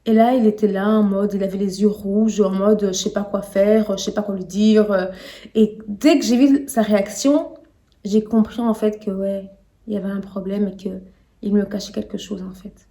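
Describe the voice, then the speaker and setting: A young woman vlogging her own story, animated and acting out the voices of the people in it. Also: medium pitch, moderate pace. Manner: animated, acts out her own and others' quoted words, laughs at herself. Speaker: vlogger telling her testimony. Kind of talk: casual storytelling to camera.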